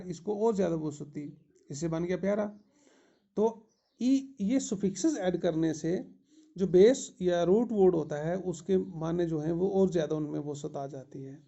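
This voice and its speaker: Slow gravelly male teacher, lo-fi. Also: fairly high pitch, warm tone. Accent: Kashmiri. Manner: slow, explains each word step by step. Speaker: English teacher. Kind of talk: classroom lesson explanation. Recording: dull lo-fi recording.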